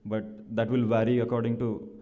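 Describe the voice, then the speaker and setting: Mellow halting man in a reverberant hall. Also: mid-range voice, monotone, dull audio. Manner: halting, explanatory delivery in slightly non-standard English. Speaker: startup presenter. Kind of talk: answering judges' questions at a pitch competition. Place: large conference hall. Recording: echoey hall, long reverb.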